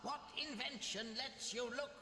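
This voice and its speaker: A man's voice: extremely high pitch, bright, forceful tone, heavily acted. A man voicing a cryptic, theatrical talking skull in a skeleton voice, posing riddles as a video game character. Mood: eerie, teasing. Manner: skeleton voice, slow drawn-out riddling. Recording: very echoey long reverb, crowd-like noise behind.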